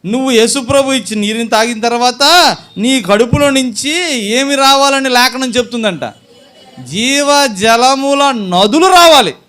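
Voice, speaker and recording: High-voiced man preaching a lively sermon. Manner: fires rhetorical questions at the congregation and answers them; acts out examples with a listener. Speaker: pastor. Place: church service.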